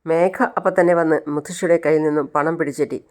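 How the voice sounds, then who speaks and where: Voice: mid-range voice, steady tone, fast, darkish tone. A storyteller casually retelling the plot of a TV serial, humming and using fillers between scenes. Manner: conversational, with hums and fillers.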